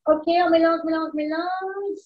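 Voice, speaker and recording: A woman's voice: very high voice, steady tone, a little slow, roomy sound, distant mic, lo-fi sound. A woman with a foreign accent in French presents a live cooking demonstration from a kitchen, chatting to herself as she works. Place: kitchen, indoors.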